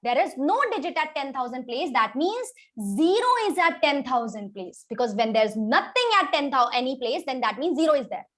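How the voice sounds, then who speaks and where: A woman with an Indian accent teaching an online children's maths class, briskly urging her pupils along and dropping in Hindi interjections. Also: high-pitched, expressive, fairly bright tone.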